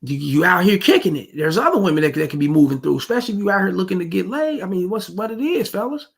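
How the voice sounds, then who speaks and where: A man's voice: high-pitched, expressive, quick pace, gravelly, breathy edge. A man giving blunt, profane dating advice to the fellas while reacting to a street clip. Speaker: reaction commentator. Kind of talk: reaction commentary.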